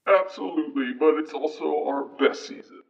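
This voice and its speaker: A man playing a jolly old Santa Claus in a podcast interview, with a booming ho-ho-ho laugh. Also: gravelly. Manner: booming ho-ho-ho laugh, slow and warm. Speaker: interview guest from an archive recording. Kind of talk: phoned-in interview. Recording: dull lo-fi call audio.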